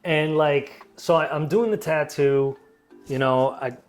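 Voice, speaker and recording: A man's voice: a little high, measured pace, soft background music. A man telling a long story from his tattoo work in casual chat, rambling and full of "you know" and "like". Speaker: tattoo artist.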